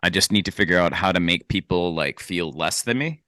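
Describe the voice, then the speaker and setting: A man's voice: low voice, a little fast, bright, forceful tone, no echo, studio quality. A man chatting casually on a podcast, rambling with hesitant restarts and frequent laughs. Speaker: podcast host. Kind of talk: casual chat.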